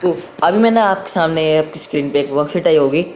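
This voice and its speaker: A man's voice: on the high side, brisk, a little mellow. A man teaching a grammar lesson online, patient and repetitive, sounding words out again and again. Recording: echoey room with faint noise.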